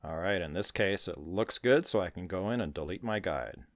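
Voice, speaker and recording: A man with a very low voice talks through a software tutorial at an easy, step-by-step pace. His delivery moves up and down a lot in pitch despite the deep tone, and the recording is close and dry with no room sound. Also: moderate pace, no room sound. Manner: calm step-by-step instruction. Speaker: tutorial host.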